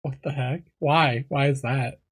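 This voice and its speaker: A man's voice: medium pitch, fairly even intonation, unhurried, breathy edge. A man interviewing casually, asking probing follow-up questions in a chatty, inquisitive way.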